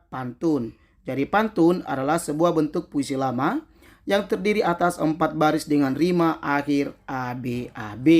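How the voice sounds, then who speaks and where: A teacher reading out quiz questions and answer choices one by one, then explaining each answer, often tagging "ya" after it. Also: mid-range voice. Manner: slow, deliberate reading of answer options, tag "ya" after answers.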